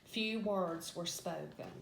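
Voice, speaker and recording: A woman's voice: fairly low pitch, takes it slowly, creaky. Echoey recording of a woman reading Bible stories. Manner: storytelling, narrative delivery. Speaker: Sunday school teacher. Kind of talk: reading a scripted Bible story lesson aloud. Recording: echoey room with background noise.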